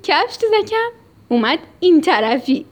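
A woman's voice: extremely high pitch, very animated. A woman hosting a children's story radio show, telling a story and speaking affectionately to young listeners.

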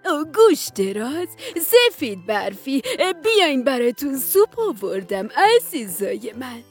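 A woman doing a gentle, soothing animal aunt. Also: high-pitched, big pitch swings, slightly rough, faint music behind, full character voice. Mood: tender. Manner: tender and soothing, opening with "oh, dear". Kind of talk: children's storybook voice acting.

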